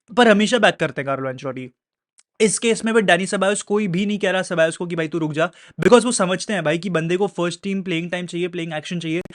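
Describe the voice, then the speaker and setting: A man giving casual football commentary, chatty and talking straight to his viewers. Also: high voice. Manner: chatty, mixes Hindi and English mid-sentence; addresses viewers directly, conversational asides. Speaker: football pundit.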